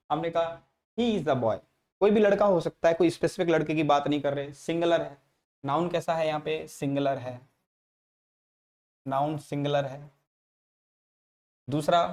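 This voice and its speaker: A man's voice: on the high side, a little mellow. A man teaching a grammar lesson, repeating each example and checking in with frequent tag questions. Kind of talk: classroom lecture explaining English grammar.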